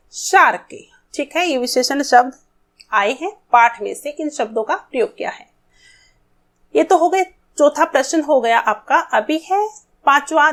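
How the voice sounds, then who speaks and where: A woman with a high, bright voice gives a lesson to schoolchildren. She talks to them directly and asks questions that she answers herself in a patient teaching tone. Her delivery is that of a classroom explanation.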